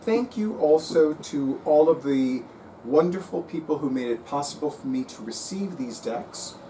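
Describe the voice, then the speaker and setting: Man, 50s, casual, animated, salty tarot YouTuber; slightly distant mic, light background hiss. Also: fairly high pitch, a little slow. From Cuban heritage. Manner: animated, chatty, swears freely. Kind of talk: casual vlog talk. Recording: voice a bit far from the mic, faint room noise.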